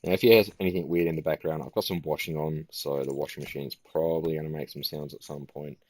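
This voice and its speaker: A tired man giving casual gameplay commentary in a flat, musing way. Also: extremely low pitch, quick pace. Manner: self-described monotone, relaxed and musing.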